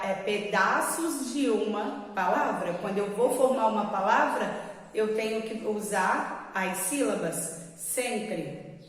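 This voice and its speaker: A woman's voice: mid-range voice, a bit bright. Patient woman teacher in an echoey room. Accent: Brazilian. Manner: slow, patient explaining with checking questions. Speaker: primary school teacher. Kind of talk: recorded lesson for young children. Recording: very echoey room with long reverb.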